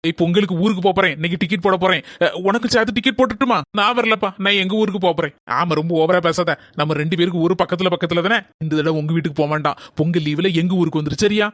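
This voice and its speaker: A man's voice: sits high, racing, fairly bright tone, no echo. A man voicing a chatty young office worker in a cartoon, speaking Kanyakumari Tamil. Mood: bickering.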